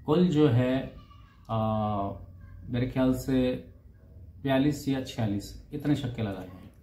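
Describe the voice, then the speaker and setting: A man casually reading out cricket statistics, saying the numbers in both Hindi and English and pausing now and then over names and figures. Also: medium pitch, dark tone, slight background noise. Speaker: cricket stats presenter. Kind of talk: casual talk. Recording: roomy echo with faint ambience.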